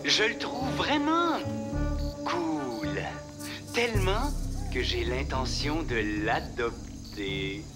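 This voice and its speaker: A man's voice: medium pitch, big pitch swings, drawn-out words, over loud music. A sly impostor father with a Quebec accent. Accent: Quebec French. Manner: cold, prying, with sudden bursts of forced cheer. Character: impostor posing as a distant, pushy father. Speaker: father on a webcam call. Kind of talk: web drama acting.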